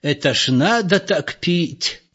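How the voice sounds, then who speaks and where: Male reader doing an old village gossip woman: high, slow, sing-song drawl. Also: lively intonation, noisy background. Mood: gossipy. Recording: dull lo-fi audiobook recording.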